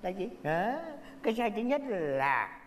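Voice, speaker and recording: A woman's voice: on the low side, lively intonation, measured pace, noisy background. A woman acting a bossy, tipsy old patriarch who scolds and lectures his family in a stage comedy sketch. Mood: lecturing.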